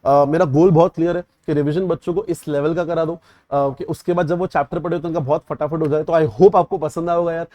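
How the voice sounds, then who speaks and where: A young man teaches at a rapid clip, his voice a little higher than most. The sound is dry and close. He keeps checking that his students have understood. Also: steady tone, dark tone, dry recording. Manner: repeatedly checks understanding, mixes English terms into Hindi. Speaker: CA exam tutor. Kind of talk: revision lecture.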